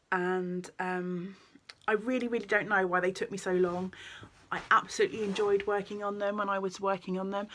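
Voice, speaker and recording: A woman, chatting casually about her knitting in a vlog, rambling along with many ums and quick self-corrections. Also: lowish voice. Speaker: knitting vlogger and yarn shop owner.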